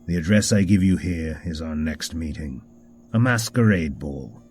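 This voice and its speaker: A man narrating a mystery game script in a measured, descriptive storytelling manner. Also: rumbling low, animated, darkish tone, breathy edge.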